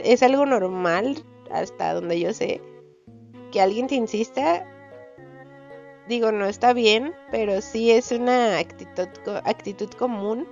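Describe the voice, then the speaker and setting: A woman's voice: a little high, muffled recording. A young Mexican woman hosting a podcast, telling a personal story in casual slang and acting out what people said. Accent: Mexican Spanish. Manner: slangy, animated, acts out quoted dialogue. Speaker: podcast host.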